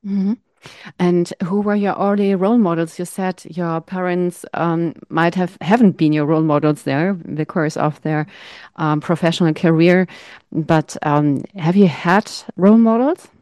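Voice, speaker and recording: A woman interviewer asking questions in a warm, encouraging way and giving short affirmations. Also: fairly low pitch, steady tone, measured pace, no echo, clean studio sound. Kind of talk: conversational interview.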